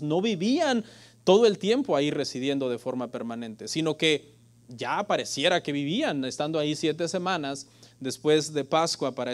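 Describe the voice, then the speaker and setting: Pastor preaching a sermon. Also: male voice, a little high. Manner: lively preaching, addressing listeners as "hermano"; jokes with the congregation. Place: church.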